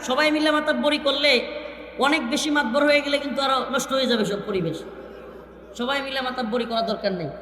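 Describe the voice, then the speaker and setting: A man preaching an Islamic sermon into a stage microphone and sternly hushing a large crowd. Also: very high voice, a little fast. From Bangladesh. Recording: echoey public-address sound with long reverb.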